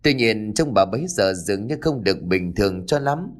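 A man narrating a ghost story in a dramatic, expressive way. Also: lowish voice, normal speed.

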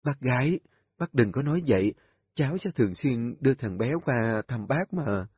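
A gentle young mother who speaks softly and earnestly, read by a male narrator. The voice is slightly husky and has a lively lilt. It sounds dull and lo-fi. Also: mid-range voice, normal speed, no room sound. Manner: soft, earnest pleading. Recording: dull lo-fi recording.

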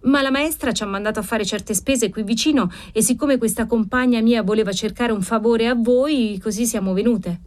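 A woman's voice: moderate pace, few pauses, a little mellow, lightly acted. A woman reading a story aloud, voicing a timid young girl who stammers nervously. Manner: hesitant, stammering, high.

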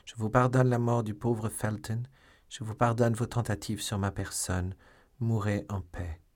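A man's voice: fairly low pitch, flat delivery, measured pace, darkish tone. A man doing a cold, solemn English lord. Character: stern English nobleman, cold and unforgiving.

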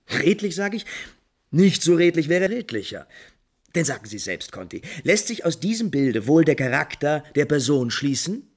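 A man's voice: a little high, a little mellow, heavily acted. An actor playing an imperious, moody, lovesick prince in classical German stage drama, theatrical and declamatory, lingering on his words.

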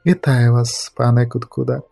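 A man's voice: medium pitch, steady tone, moderate pace, creaky, warm tone, no room sound, studio quality, faint music behind, close to an everyday voice. A man voicing a teasing, regal middle-aged queen in an audiobook.

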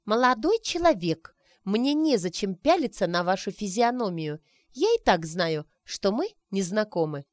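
Woman putting on an excitable young woman. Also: a little high, moderate pace, no room sound, studio quality, pitched above the performer's own voice. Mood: haughty. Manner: eager, indignant.

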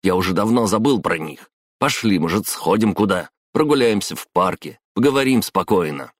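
A man's voice: deep voice, expressive, no echo, studio quality, pitched above the performer's own voice. A man reading a story, voicing a pushy young man who talks sharply and insists. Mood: insistent. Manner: brisk, insistent, exclaiming.

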